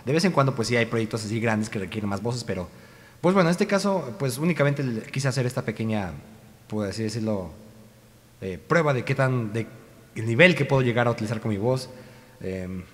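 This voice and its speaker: A man's voice: mid-range voice, lively intonation, a little fast, long reverb tail. Rambling Mexican young man. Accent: Mexican Spanish. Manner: rambling, self-correcting, chatty. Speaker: amateur voice actor. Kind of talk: casual vlog talk. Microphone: cheap home microphone.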